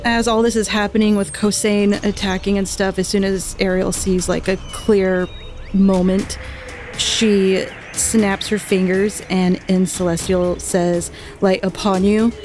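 A woman's voice: medium pitch, fairly even intonation, slow pace, darkish tone, faint music behind. A woman player narrating combat in a tabletop game.

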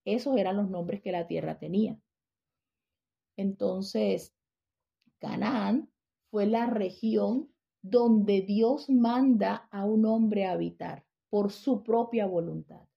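A woman's voice: medium pitch, slow, gravelly. A woman giving a conversational Bible lesson, often checking in with her listeners and restarting her phrases. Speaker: Bible teacher. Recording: dull lo-fi recording.

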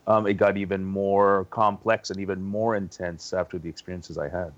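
Male interview guest, deep voice, hesitant casual recollection, lo-fi sound. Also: level tone, moderate pace, no echo. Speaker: interview guest, paranormal investigator.

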